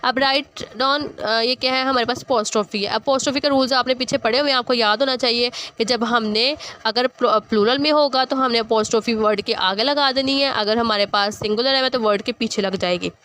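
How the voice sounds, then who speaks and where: A woman, teaching a school English exercise, who reads English lines slowly and then explains them. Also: on the high side, a bit bright, smooth.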